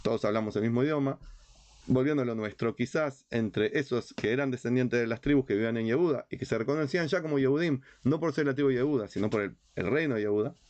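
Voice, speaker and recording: Talking fast in a medium-pitched, darkish voice, a rabbi from Uruguay with a Rioplatense accent teaches religious history in a casual but didactic and emphatic way. He leans on rhetorical questions and repetition, and the recording sounds muffled.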